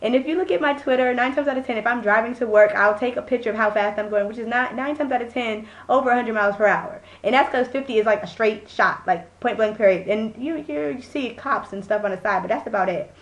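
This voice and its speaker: Hoarse young woman, casual vlog storytelling, blunt and animated, higher-pitched voice. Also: quick pace, hardly any pauses. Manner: blunt and animated, swears freely. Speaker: vlogger.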